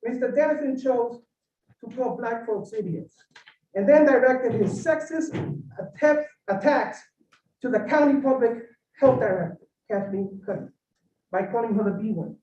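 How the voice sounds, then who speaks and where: A woman's voice: a little high, normal speed, mellow. A woman giving a firm, emphatic prepared statement to a county legislature, addressing the chair directly. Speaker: public commenter. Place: county legislature meeting room. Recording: roomy hall audio from a distant mic, dull.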